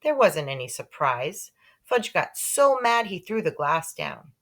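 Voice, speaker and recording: This story reader narrates a children's tale aloud, her voice set slightly low and delivered a little slowly. Because her pitch shifts so much, the reading comes across as lively and expressive.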